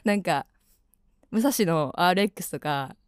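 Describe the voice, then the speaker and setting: A woman's voice: lowish voice, animated, normal speed, noisy background. A young woman in her twenties with a Kansai accent, chatting casually as a radio host and rambling through lots of fillers.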